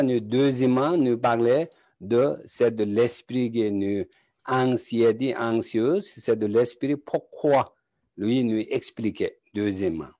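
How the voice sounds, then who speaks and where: A man with a Tibetan accent teaching Buddhist philosophy in halting French, speaking in short, searching phrases. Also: medium pitch, a little mellow, no room sound. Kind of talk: slow teaching talk in broken French.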